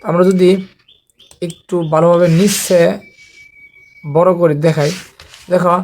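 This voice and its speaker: Male teacher, higher voice, patient, methodical recitation drills. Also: fairly even intonation, a little mellow, a little hiss or hum. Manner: slow, patient, repeats letter drills. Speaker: Quran reading teacher. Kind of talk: online recitation lesson.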